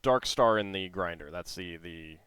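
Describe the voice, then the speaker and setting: A man casually narrating a tabletop game as game master, in a halting, thinking-aloud way. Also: low voice, fairly bright tone, smooth, dry recording.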